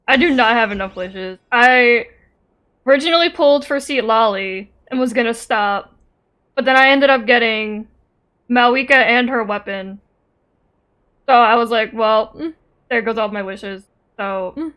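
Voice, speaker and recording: A woman streamer with a fairly high, slightly bright voice chats playfully with viewers at a measured pace while gaming. She giggles as she reads and answers chat, with game music in the background.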